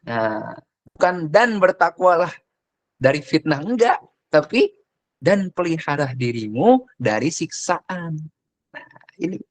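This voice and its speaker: A young man teaching Arabic in a casual lecture, explaining with examples and reciting verses slowly. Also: medium pitch.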